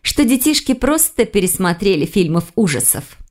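Woman doing a lively young woman. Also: medium pitch, normal speed, lightly acted.

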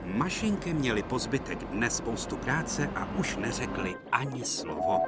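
Male narrator, children's storybook narration, gentle, expressive, lively pitch, music behind.

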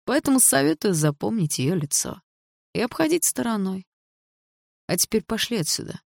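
A woman's voice: mid-range voice, sing-song, moderate pace, vocal fry, no echo, studio quality, voice pushed up. A woman reading an audiobook, voicing a tough, protective teenage boy with a curt, threatening manner. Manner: curt and threatening, softening when gentle.

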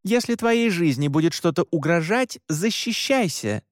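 A commanding woman hunter leader barks short, clipped orders in a raised, higher voice, as a male narrator puts her on. She is firm and unhesitating. The voice sits close and dry, with no room sound. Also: animated, unhurried, clear, resonant tone, no room sound.

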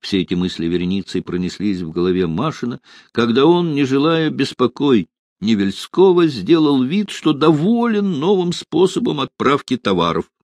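Male audiobook narrator, animated mid-range voice, dry close sound. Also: mid-range voice, normal speed, dry recording. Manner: expressive, varied delivery.

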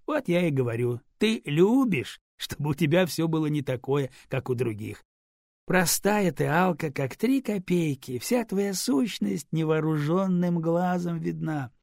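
A man's voice: a little high, animated, measured pace, creaky, darkish tone, dry recording, studio quality, voice pushed up. A man voicing a teasing, easygoing male engineer with a mocking manner.

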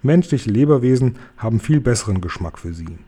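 A man voicing a kind, gentle friendly giant in a storybook audiobook, playful and full of made-up words. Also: medium pitch, lively intonation, fairly quick, husky. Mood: hushed, nervous.

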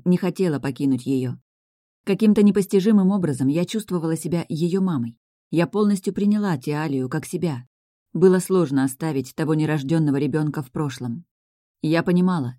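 Female audiobook narrator, measured first-person delivery, mellow tone, dead-dry studio. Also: low-pitched, no room sound.

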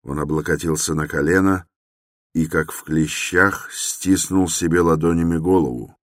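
A man narrating a novel in a measured, dramatic storytelling manner. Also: sits low, no room sound, clean studio sound.

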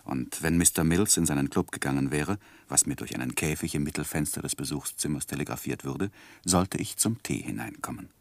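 An actor with a very deep voice plays an earnest, tender, lovestruck young man recounting his life in a 1960s German radio drama. He speaks a little fast, in carefully literary phrasing and a reflective narrating mood, with no echo on the recording.

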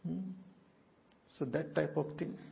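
A man's voice: fairly high pitch, takes it slowly, vocal fry. A man with a North Indian accent giving a religious discourse as a spiritual teacher, repeating key words for emphasis and slipping between English and Hindi. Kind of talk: religious discourse explaining Sanskrit terms to listeners. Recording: dull lo-fi audio.

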